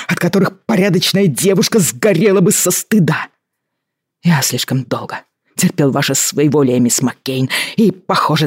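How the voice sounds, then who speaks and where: A reader voicing an enraged male governor who speaks through clenched teeth, slow and raised. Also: medium pitch, a little mellow, breathy edge, no room sound, studio quality. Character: enraged male colonial governor, stern guardian.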